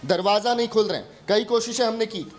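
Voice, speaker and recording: A male field reporter on location, calling out loudly toward a closed door. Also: sits high, fast talker.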